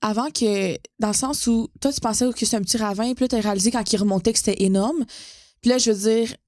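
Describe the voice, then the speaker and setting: A young woman chats as a podcast co-host, jumping in with quick reactions and questions. Her voice sits a little high. The sound is dry and close. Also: a little mellow, no echo. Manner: reactive, interjecting with short remarks and questions. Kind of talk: casual chat.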